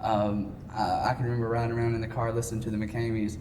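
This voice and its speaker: A man's voice: lowish voice, completely flat delivery, fast. Young Southern man, polite, echoey distant mic. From Alabama, US. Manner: polite, many fillers, says yes sir. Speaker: gospel singer guest. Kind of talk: casual interview answers. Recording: echoey, distant, background noise.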